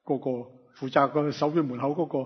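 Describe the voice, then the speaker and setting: A man's voice: a little high, fairly even intonation, fairly quick, breathy edge. A man with a Hong Kong Cantonese accent preaching in short phrases for an interpreter, colloquial and full of rhetorical questions. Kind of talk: sermon delivered phrase by phrase for an interpreter. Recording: dull, reverberant hall sound.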